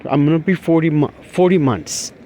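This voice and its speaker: A man talking casually to camera while walking outdoors, rambling and halting with many fillers and restarts. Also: on the high side, dark tone. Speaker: vlogger. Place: outdoors, walking along a street.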